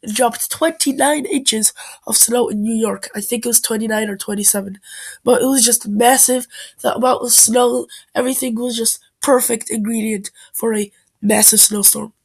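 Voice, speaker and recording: A woman's voice: fairly high pitch, fairly even intonation, normal speed, husky, poor audio. A woman with a stuffed-up, nasal voice from a bad cold, informally narrating an amateur weather forecast video.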